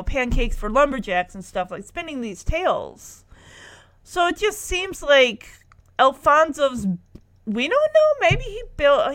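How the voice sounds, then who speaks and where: Woman host, higher register, easygoing slow pace; casual recap, playfully quotes lines. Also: fairly bright tone. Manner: chatty, acts out lines with "like" quotes. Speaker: podcast host recapping a sitcom episode.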